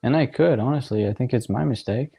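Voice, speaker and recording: Talking briskly over a soccer match on his livestream, this young host has a medium-pitched voice with vocal fry and a breathy edge. He rambles casually in live commentary, leaning on fillers and laughing often.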